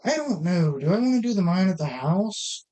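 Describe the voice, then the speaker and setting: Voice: medium pitch, sing-song, normal speed, mellow, poor audio. A gaming channel host giving casual gameplay commentary, rambling and correcting himself as he thinks aloud at a desk mic.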